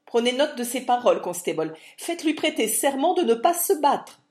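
A woman voicing a timid male lawyer who cries out anxiously and then pleads to calm a threat, in an audiobook reading. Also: medium pitch, slow pace, voice pushed up. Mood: alarmed.

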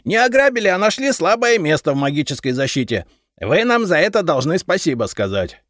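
A man's voice: medium pitch, big pitch swings, moderate pace, fairly bright tone, no echo, clean studio sound, voice pushed up. A man voicing a brash, smug male treasure-finder who argues defiantly and raises his voice, in an audiobook. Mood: defiant, cocky. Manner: defiant, argumentative. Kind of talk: audiobook character reading.

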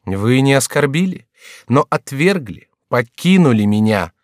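A man's voice: mid-range voice, sing-song, unhurried, no echo, clean studio sound, pitched above the performer's own voice. A man reading aloud, voicing a wary, resentful young prince who answers his mother with guarded bitterness.

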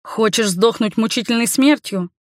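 A woman voicing a stern, burly male monster hunter in an audiobook, giving short, low commands. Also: normal speed, no room sound, studio quality, lightly acted. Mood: harsh. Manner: curt, low commanding orders. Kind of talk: audiobook character voice.

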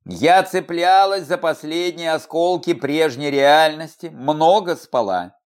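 A man's voice: on the high side, takes it slowly. A man reading the part of a cheeky, sulky female salamander spirit in a fantasy audiobook. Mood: wistful.

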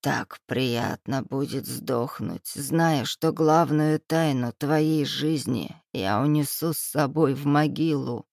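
A reader voicing a cruel, dying older man bound to a bed, hoarse and sneering, in an audiobook. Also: medium pitch, slow pace, a little mellow, no room sound, clean studio sound. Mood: taunting. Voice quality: hoarse, wheezing. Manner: sneering, hissing, gloating. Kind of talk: audiobook character voice.

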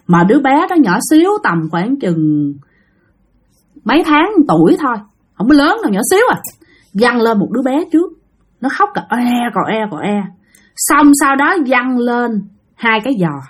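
A woman with a Southern Vietnamese accent telling a ghost story in a casual, animated way, speaking directly to her listeners. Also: on the high side.

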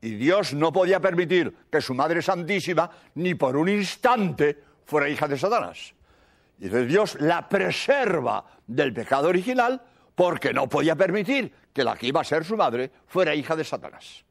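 A man's voice: fairly high pitch, big pitch swings, moderate pace, gravelly. A man preaching a sermon, emphatic and repeating key phrases, explaining doctrine with everyday examples. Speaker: priest.

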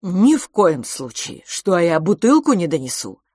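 A booming, mocking young man full of demands, voiced by a woman reading a storybook. The delivery swings up and down in a lively way. The sound is dry and close. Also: a little slow, breathy edge, dry recording, exaggerated voice. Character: loud brash young man demanding whisky.

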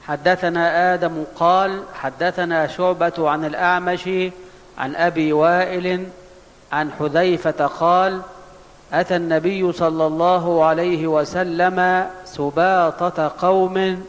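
A man with a high voice recites hadith and their chains of narrators in careful formal Arabic. The recording carries a long hall reverb. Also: flat delivery, unhurried. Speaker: student reading hadith aloud.

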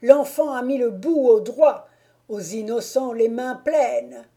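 A woman's voice: mid-range voice, measured pace, mellow, lightly acted. A woman reading an audiobook and voicing a stubborn, superstitious older male gamekeeper who speaks in blunt, emphatic exclamations. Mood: triumphant.

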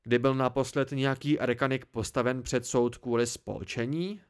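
A man's voice: mid-range voice, steady tone, smooth, close to an everyday voice. A man reading an audiobook, voicing an irritable, blunt male student friend who scolds. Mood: irritated.

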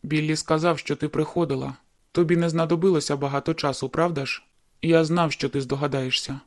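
A woman's voice: low-pitched, steady tone, fairly quick, pitched below the performer's own voice, close to an everyday voice. A woman voicing a growling young werewolf man. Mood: guarded. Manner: growling, clipped, bitter retorts. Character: hot-tempered young male werewolf, resentful. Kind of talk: audiobook character voicing.

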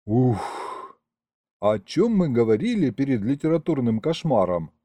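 A man's voice: mid-range voice, very animated, moderate pace, mellow, no echo. A man narrating a first-person audiobook in a wry, playful manner.

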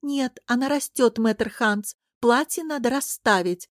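A woman's voice: a little high, moderate pace, darkish tone, dry recording, clean studio sound, voice pushed up, lightly acted. A woman voicing a gushing, frivolous princess. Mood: breezy. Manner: breezy, enthusiastic, impatient. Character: gushing, frivolous young court lady princess. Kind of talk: audiobook character voice.

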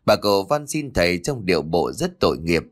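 A man narrating a ghost story in a steady storytelling manner. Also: low-pitched, normal speed. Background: faint music.

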